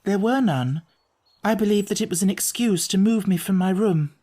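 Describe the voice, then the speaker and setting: A man voicing an anxious, polite young gentlewoman, speaking earnestly in an audiobook story. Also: high voice, normal speed, voice pushed up.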